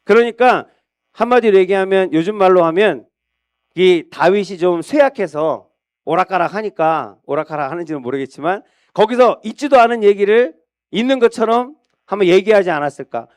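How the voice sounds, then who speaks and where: A man's voice: high voice, moderate pace, no echo. A male pastor preaching a sermon, retelling a scripture story in a conversational storytelling manner.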